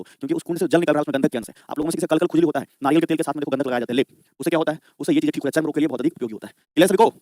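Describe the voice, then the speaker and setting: A man's voice: fairly high pitch, darkish tone, no echo, clean studio sound. A man teaching a live online exam-prep class, drilling students with repeated questions and answers.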